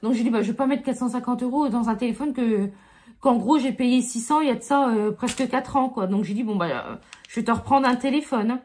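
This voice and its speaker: A woman's voice: a little high, a little fast, darkish tone. A middle-aged woman chatting casually through a haul review, full of fillers and asides to her viewers. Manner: chatty, many fillers like euh and franchement. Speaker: beauty vlogger.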